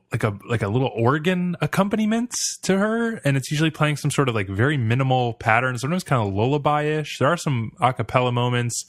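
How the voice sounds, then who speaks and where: A man's voice: medium pitch, no echo. Blunt man talking music, dry sound. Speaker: podcast co-host. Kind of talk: casual music review chat.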